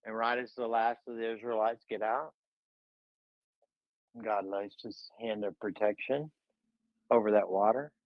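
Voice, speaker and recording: A man's voice: lowish voice, fairly even intonation, measured pace, long pauses, no echo, muffled recording. A man retelling a scripture story in a fervent, preaching style, full of dramatic repetition.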